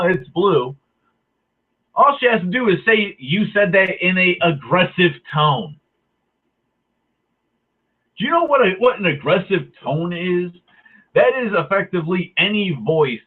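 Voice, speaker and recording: A man in a heated, profane, sarcastic rant, speaking his mind to the camera. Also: high voice. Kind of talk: angry ranting monologue. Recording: tinny phone-like audio.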